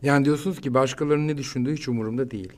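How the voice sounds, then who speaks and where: A man's voice: mid-range voice, rapid-fire, a little hiss or hum. Man host asking blunt questions. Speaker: interviewer, host. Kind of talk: casual interview.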